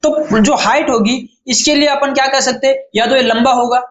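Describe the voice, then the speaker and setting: A man's voice: very high-pitched, normal speed, a bit bright. A man teaching a science lesson to exam students in Hindi with a Rajasthani accent, often repeating key terms back as questions. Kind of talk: classroom-style lecture. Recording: echoey room, faint noise.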